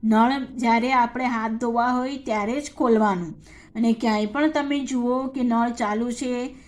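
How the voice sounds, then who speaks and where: A woman's voice: a little high, fairly even intonation, unhurried, a little mellow. A woman teacher with a Gujarati accent, patiently explaining a poem to children and reciting its verses in a sing-song. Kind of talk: slow classroom lesson explaining a poem to children.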